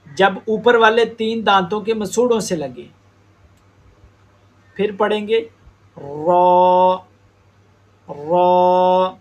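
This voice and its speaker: A man teaching Quran recitation, explaining slowly and stretching out demonstrated sounds. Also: high voice, fairly bright tone. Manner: slow, deliberate explanation with drawn-out demonstrated sounds. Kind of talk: tajweed lesson.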